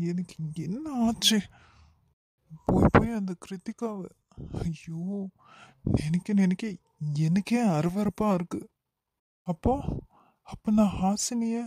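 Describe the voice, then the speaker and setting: Despairing young guy done by a man, mellow dry voice, kanyakumari tamil accent. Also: high voice, no echo. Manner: despairing, self-reproaching. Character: guilt-ridden young man lamenting his mistake. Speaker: cartoon character.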